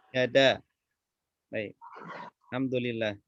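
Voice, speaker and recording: A man teaching an Arabic reading class, slow and patient, repeating each student's answer. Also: mid-range voice, fairly even intonation, fairly bright tone, dry recording, lo-fi sound. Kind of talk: online class drilling students.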